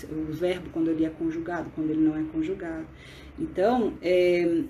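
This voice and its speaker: A woman's voice: mid-range voice, darkish tone, a little hiss or hum. A woman with a Brazilian Portuguese accent giving a live online grammar lesson, explaining step by step and often checking in with "né?". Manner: explanatory, frequent "né?" tag questions and restarts.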